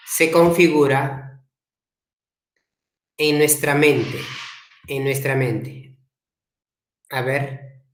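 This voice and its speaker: A man teaching an online language class, repeating his questions slowly and coaxing students to answer in the chat. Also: medium pitch. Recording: echoey room.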